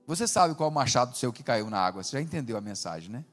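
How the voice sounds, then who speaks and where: A man preaching a sermon as pastor, animated, swinging between loud calls and hushed asides. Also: medium pitch, fast. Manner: animated preaching with acted quotes, rising and dropping to a hush. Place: large church hall. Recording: long hall reverb with faint music.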